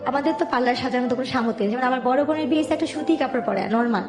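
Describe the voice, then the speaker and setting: Speaking in a high voice at a racing speed, this young adult woman from Bangladesh, Dhaka-accented, recounts her life in chatty, detailed talk. Music plays beneath her roomy-sounding voice.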